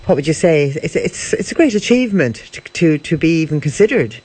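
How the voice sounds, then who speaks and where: A woman's voice: deep voice, big pitch swings, brisk, darkish tone, breathy edge. Hesitant Irish woman interviewing on radio. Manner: hesitant, rephrasing.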